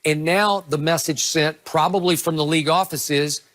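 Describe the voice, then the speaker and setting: A man's voice: a little high, fairly even intonation, moderate pace, a bit bright. A man co-hosting a sports debate show, arguing his points emphatically. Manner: argumentative, emphatic.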